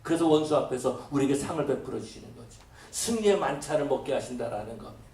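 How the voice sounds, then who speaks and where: A man's voice: medium pitch, lively intonation, quick pace, darkish tone. A middle-aged male pastor with a cold, preaching emphatically and asking many rhetorical questions. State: has a cold. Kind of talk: sermon. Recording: echoey, from a distance.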